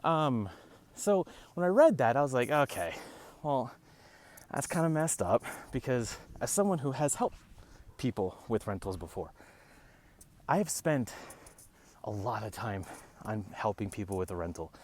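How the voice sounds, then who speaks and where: A man's voice: mid-range voice, moderate pace, pauses often, slight background noise. A man, a realtor, ranting casually to camera while walking outdoors, a bit out of breath. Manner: animated, wry, sarcastic asides. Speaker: realtor vlogger.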